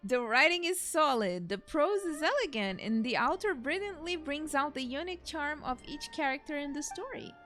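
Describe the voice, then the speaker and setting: A woman's voice: high voice, expressive, normal speed, few pauses, fairly bright tone. A woman doing a playful let's play, casually reacting and reading game dialogue aloud. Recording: game music behind.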